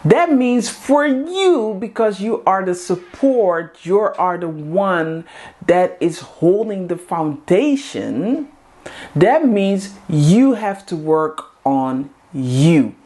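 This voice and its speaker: This woman, a native Dutch speaker, leads a women's group by talking to camera in English, earnestly repeating coaching lines in a motivational talk. She has a fairly low pitch and a dark tone, and she is animated while speaking at a slow pace.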